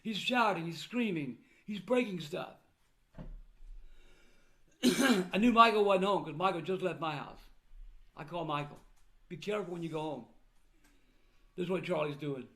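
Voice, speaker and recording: Older man, high-pitched grandfatherly voice. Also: normal speed, pauses often, sharp tone. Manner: old man's plain, blunt grandfatherly talk. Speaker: vlogger recounting family troubles. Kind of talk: casual personal talk to viewers.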